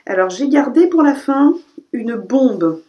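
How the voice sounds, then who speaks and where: A woman chatting casually as she reviews a haul of new books, correcting herself often and filling pauses with "euh". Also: sits high, animated, warm tone. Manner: chatty, self-correcting, frequent "euh" fillers. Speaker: book vlogger.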